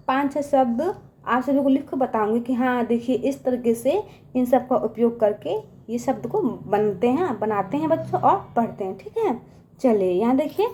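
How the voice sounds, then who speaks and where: A woman teaching young children in a coaxing voice, often addressing them and slowly stretching out each syllable as she sounds it. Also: high-pitched, warm tone. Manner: coaxing, repeats "ठीक है" and "बच्चों" often. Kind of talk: children's lesson.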